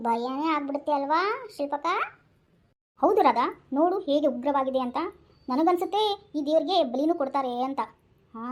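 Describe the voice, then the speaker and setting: Comic lead for a skit, very high voice, teasing and chatty. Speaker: skit creator and main performer. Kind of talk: comedy skit dialogue.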